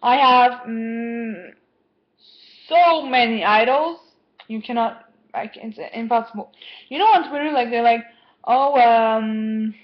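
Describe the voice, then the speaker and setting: A teenage girl chatting casually to camera at home, rambling and easily distracted, with lots of "like". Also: on the high side. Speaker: vlogger. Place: home, indoors. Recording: dull lo-fi webcam sound.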